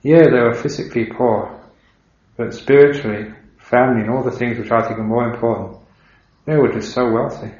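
Monk's unhurried dharma talk, roomy sound. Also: male voice, mid-range voice, steady tone. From England. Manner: unhurried storytelling, reflective with gentle humor. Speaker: Buddhist monk. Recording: dull, roomy recording.

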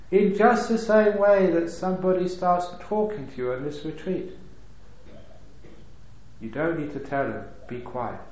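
A man gives a calm, unhurried dharma talk as a meditation teacher at a retreat, with light humor. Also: on the high side, a little hiss or hum. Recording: echoey hall, dull lo-fi sound.

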